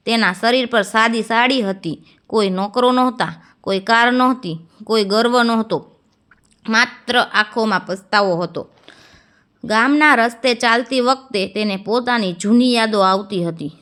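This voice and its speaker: A woman reading a scripted, emotional village story as narrator, in a steady storytelling manner. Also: a little high.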